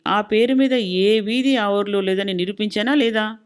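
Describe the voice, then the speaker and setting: A woman's voice: mid-range voice, fairly even intonation, moderate pace, clean tone, natural voice. A woman voicing a stubborn middle-aged husband who lectures and scolds in an insistent, suspicious way. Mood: insistent lecturing.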